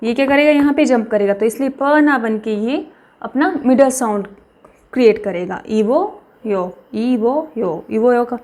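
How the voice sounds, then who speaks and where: A young woman teaching a language lesson, repeating each word slowly for practice. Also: fairly high pitch, a little mellow. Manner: slow, repeats words for practice.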